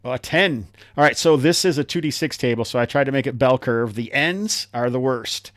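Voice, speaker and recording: A man's voice: medium pitch, fairly quick, a bit bright, dry recording, studio quality. A man running a live tabletop game as game master, explaining rules in a chatty way with lots of fillers.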